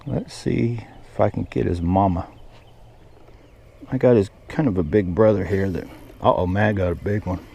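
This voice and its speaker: A man's voice: lowish voice, moderate pace, creaky, pauses often, mellow, breathy edge. A man chatting casually and folksily while fishing outdoors from a boat. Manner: folksy, colloquial. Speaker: angler hosting a fishing vlog. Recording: noisy outdoor recording.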